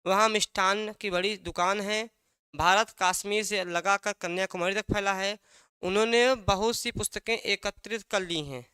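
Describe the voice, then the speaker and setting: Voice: mid-range voice, steady tone, normal speed, bright, forceful tone, clear, resonant tone, dry recording, studio quality. A teacher giving an exam-prep language lesson, asking a question and then answering it, repeating key words again and again.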